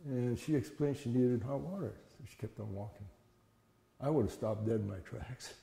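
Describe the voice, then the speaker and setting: An older man telling childhood memories in a plain-spoken, folksy, halting interview style. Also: medium pitch, gravelly, warm tone. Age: older, 70s or above. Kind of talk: conversational oral-history storytelling. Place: reverberant indoor room. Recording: echoey room with long reverb.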